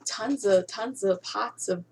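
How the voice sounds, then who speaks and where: A young adult woman in a casual fan discussion, commenting on a music video in a halting, jokey way. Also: medium pitch, a little hiss or hum, rough recording.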